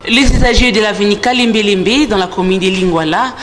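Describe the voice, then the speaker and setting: A woman's voice: medium pitch, background noise. Woman reading the news. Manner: formal, measured delivery. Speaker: news anchor.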